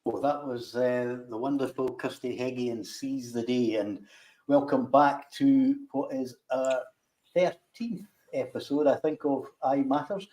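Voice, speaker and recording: A man's voice: medium pitch, unhurried, mellow, echoey room, rough recording. A man hosting a show in a casual, conversational style. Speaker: host.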